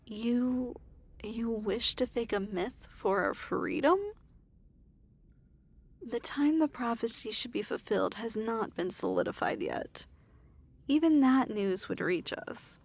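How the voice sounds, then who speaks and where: In an ASMR fantasy roleplay, a woman voices a tired, commanding demon lord, her speech soft, formal, and carefully measured. Her pitch sits fairly high.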